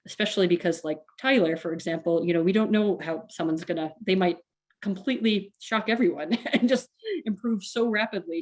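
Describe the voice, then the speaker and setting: A woman's voice: fairly low pitch, darkish tone. A woman speech therapist giving a casual, chatty webinar talk to parents, with many fillers and small laughs. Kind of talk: recorded webinar presentation for parents.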